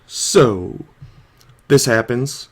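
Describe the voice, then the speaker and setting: Speaking very slowly in a mid-range voice, a young man who is coming down with a cold and has a sore throat casually narrates a card game match over the footage. He thinks aloud, leaning heavily on "like" and "you know."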